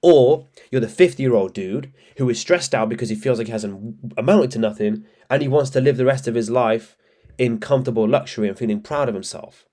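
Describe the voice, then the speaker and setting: A man's voice: medium pitch, fairly quick, mellow. A blunt, fired-up man lectures his viewers on trading, peppering his talk with swearing and "bro". His voice is a little stuffy from allergies, and a keyboard clicks now and then behind him. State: congested with allergies. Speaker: trading coach. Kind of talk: casual motivational talk to camera.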